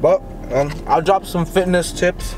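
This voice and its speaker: A man's voice: high-pitched, measured pace. A young man in casual vlog chat, talking through a mouthful of food while chewing, laid-back and slangy with lots of fillers. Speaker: YouTuber. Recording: music playing in the background.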